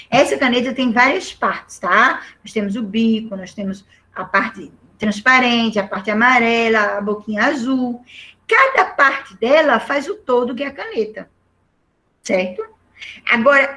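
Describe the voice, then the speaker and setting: A woman's voice: fairly high pitch, fairly bright tone. A middle-aged Brazilian woman teaching a literature lesson, explaining patiently and often checking in with the class. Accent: Brazilian Portuguese.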